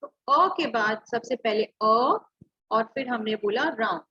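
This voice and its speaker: Woman teacher, high-pitched, slow and patient, dull lo-fi online class sound. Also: sharp tone, breathy edge. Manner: patient, spells words letter by letter, mixes Hindi and English. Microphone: computer or phone mic on a video call.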